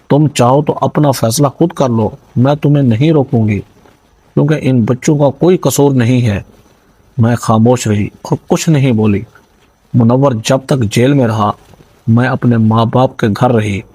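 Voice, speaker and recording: A man narrating a first-person story in a steady, dramatic, scripted reading voice into a close mic. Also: mid-range voice, breathy edge, dry recording, poor audio.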